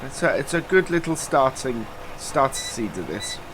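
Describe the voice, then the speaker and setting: Over background noise, a male gaming channel host with a stuffy, cold-ridden nasal voice keeps up loose let's-play chatter full of fillers like "uh." His medium-pitched voice has a sing-song lilt and a moderate pace, and he tends to ramble.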